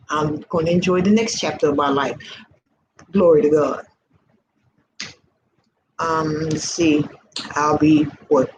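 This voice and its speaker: A low, darkish voice carries this early-sixties woman's fervent encouragement as she preaches repetitively to her faith vlog audience in an informal way. The sound is lo-fi, with noisy background hiss.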